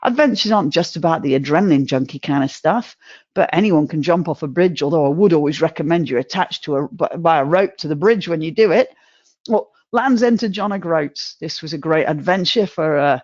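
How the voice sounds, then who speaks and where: A middle-aged woman giving a humorous motivational talk, chatty and self-mocking, with sudden jumps in pitch. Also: brisk, darkish tone, no room sound, lo-fi sound. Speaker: motivational speaker.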